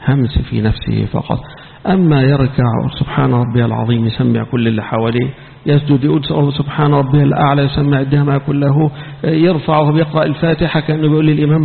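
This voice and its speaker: Fast gravelly Egyptian preacher, tinny hall. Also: male voice, mid-range voice. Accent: Egyptian Arabic. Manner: switches from formal preaching to scolding colloquial asides. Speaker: sheikh giving Quran commentary. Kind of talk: mosque lesson on scripture. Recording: tinny phone-like recording in echoey hall.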